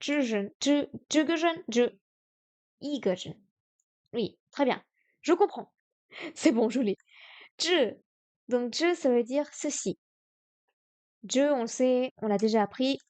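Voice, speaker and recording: A woman streaming herself studying Chinese, sounding out words slowly and correcting herself aloud. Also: high voice, expressive, darkish tone. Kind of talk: live-stream study session.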